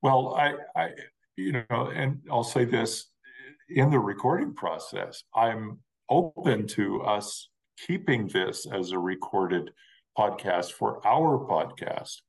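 Man, gravelly, low-pitched, halting and thoughtful, podcast co-host. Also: lively intonation, poor audio. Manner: slow, halting, searching for words. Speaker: spiritual counselor and dream worker, co-host. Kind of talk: reflective podcast conversation.

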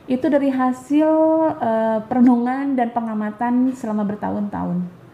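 A middle-aged woman, a kindergarten educator, telling stories lively and animated as a guest in a casual conversation. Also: fairly high pitch, moderate pace, phone-quality sound. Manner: lively storyteller, animated explaining. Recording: echoey room, faint ambient noise.

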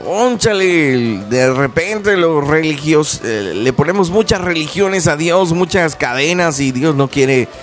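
A man's voice: a little high, lively intonation, slow pace, few pauses, faint music behind. A man preaching a radio sermon, earnestly urging his listeners in direct address.

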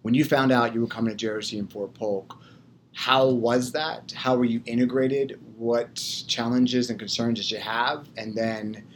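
A man's voice: medium pitch, steady tone, moderate pace, slight background noise. A man from Maryland, an army garrison commander, earnestly explaining points in a roundtable discussion.

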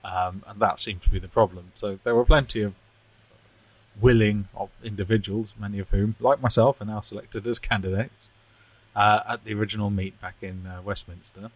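A man's voice: fairly low pitch, fairly even intonation, normal speed, no room sound, low-quality recording. A man co-hosting a podcast, talking in a rambling, self-deprecating way and chuckling often. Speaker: podcast co-host. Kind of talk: casual political chat.

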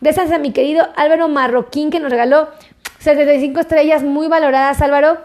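A woman with a high voice hosts a live stream and reads out her viewers' comments. She greets each of them effusively and affectionately, like a doctor chatting with her followers. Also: fairly even intonation, fast, darkish tone.

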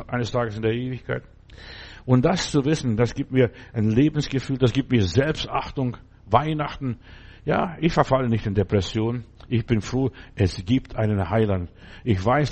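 A man's voice: medium pitch, a little mellow, husky. Fervent male preacher exhorting the listener. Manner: speaks straight to the listener with frequent "ja" fillers; fervent and exhorting, with short repeated commands. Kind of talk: sermon.

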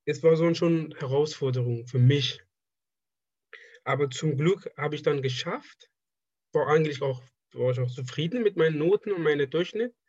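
A Persian (Dari)-speaking draftsman in his twenties from Afghanistan answers interview questions in a relaxed, halting manner, frequently restarting phrases. His voice is fairly high and slightly husky, and the audio is dry, a little muffled, and free of echo.

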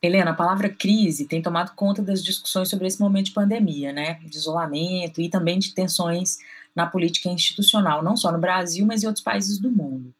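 A woman's voice: fairly low pitch, a little fast, slightly rough. A woman hosting a podcast, asking long, considered interview questions. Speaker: podcast host.

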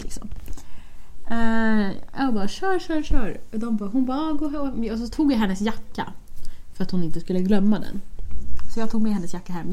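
Young woman telling a story, mellow. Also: fairly high pitch. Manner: animated, quotes herself and friends with "jag bara". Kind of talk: casual storytelling.

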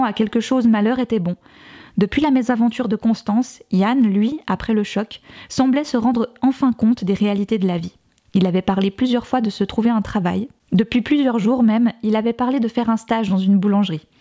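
A woman narrating an audiobook in a measured, expressive reading style. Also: fairly high pitch. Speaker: audiobook reader.

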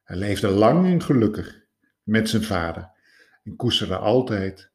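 A man narrating a fable in a slow, measured storytelling voice. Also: lowish voice, lively intonation, a little mellow.

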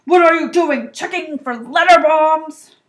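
A loud, overbearing middle-aged uncle , acted out by a woman storyteller, forceful and blustering. He barks and sneers his way through a children's storybook, pitched up and pushed hard. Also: unhurried, roomy sound, close to an everyday voice. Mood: barking. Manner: barking, sneering, snapping.

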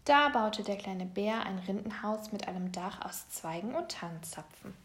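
A woman reading a children's story aloud, in a gentle, even storybook manner. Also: mid-range voice, moderate pace.

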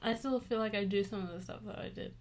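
A woman's voice: mid-range voice, steady tone, quick pace, darkish tone. A woman in her twenties co-hosting a podcast, chatting casually and teasing with frequent laughs. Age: 20s. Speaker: podcast co-host. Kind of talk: casual chat.

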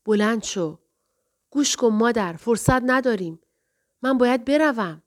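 Hoarse mother, dry and hurried, worried for her child, read by a woman. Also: on the high side, lively intonation, lightly acted. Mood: urgent.

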